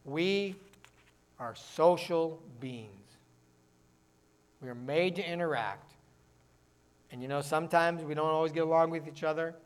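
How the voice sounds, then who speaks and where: A man from the northern United States preaching a sermon as pastor, talking fast and mixing in joking asides. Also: a little high.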